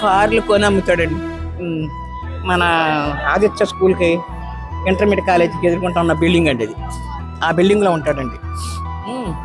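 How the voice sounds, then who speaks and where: With music playing behind her, a woman in her nineties speaks briskly in a fairly low voice, leaving long pauses. As an elderly petitioner, she delivers a long, pleading, emotional account of her grievances during an interview.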